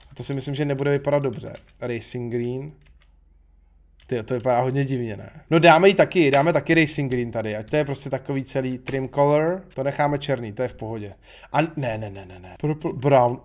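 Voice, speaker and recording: A young man from Czechia talks through his gameplay in a loose, chatty way, weighing his choices out loud. He bursts into excited exclamations when something pleases him. The sound is close and clean, from a studio microphone. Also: medium pitch. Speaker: gaming YouTuber. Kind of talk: casual gameplay commentary. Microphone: USB studio mic.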